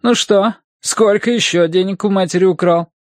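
A man's voice: sits high, normal speed, no room sound, studio quality, pitched above the performer's own voice, close to an everyday voice. A man reading an audiobook voices a sly eleven-year-old schoolboy bully who taunts and extorts a younger boy. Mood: taunting. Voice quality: sneering, taunting.

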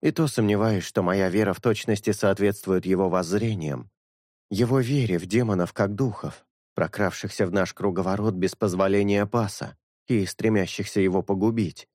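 Male narrator as a sincere young priest: measured, thoughtful, low voice, dry close sound. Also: a little mellow, dry recording, natural voice. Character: earnest young male priest, calm and honest.

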